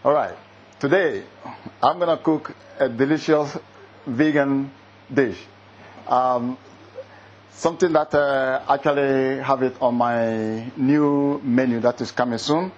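A man's voice: mid-range voice, slow pace, highs cut off, a little hiss or hum. A middle-aged man from Ghana with a Ghanaian accent, a chef who talks in a casual, hesitant way, full of fillers and restarts. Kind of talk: casual interview and cooking demo.

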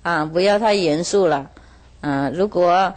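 A woman's voice: lowish voice, measured pace, darkish tone. A woman telling a moral parable in a chatty way, laughing often and drawing out her filler words.

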